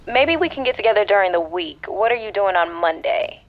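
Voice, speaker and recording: An actress playing a young female friend on a phone call, teasing and animated. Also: mid-range voice, fairly quick, close to an everyday voice. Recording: tinny phone line.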